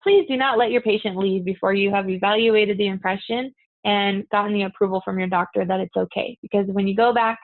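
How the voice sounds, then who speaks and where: A woman's voice: medium pitch, fairly even intonation, a little fast, dry recording. A woman instructor giving a recorded lecture to dental assisting students, practical and direct, calling them "you guys". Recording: tinny phone-like, dry.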